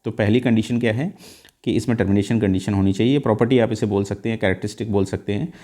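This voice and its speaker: A male teacher explains code for an exam in a dark, mellow voice, mixing Hindi and English. He works through each step patiently and often fills pauses with a drawn-out "uh". The tone stays steady and classroom-like throughout. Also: lowish voice. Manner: mixes Hindi and English, steps slowly through each value with many "uh" fillers. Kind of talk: exam-prep lecture walking through code.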